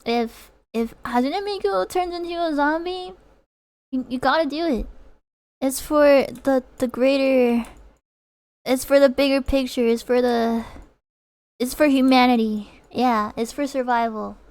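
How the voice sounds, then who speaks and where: A woman's voice: high-pitched, unhurried, darkish tone. A young woman chatting casually with her viewers during a drawing livestream, reading out messages and giggling often. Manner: giggly, reads out chat. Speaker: art streamer.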